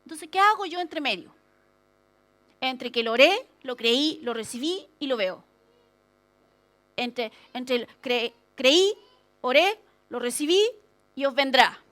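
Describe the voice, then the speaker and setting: A woman pastor preaching a lively sermon, acting out prayers and complaints with humorous asides. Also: high voice, takes it slowly, long pauses.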